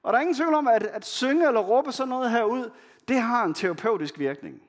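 A man preaching a sermon in a frank, conversational way, reading scripture passages slowly and softly between his own blunt comments. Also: very high voice, animated. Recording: long hall reverb.

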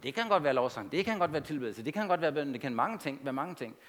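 A man preaching a sermon to a congregation, emphatic and animated, with conversational asides. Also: a little high, a little hiss or hum.

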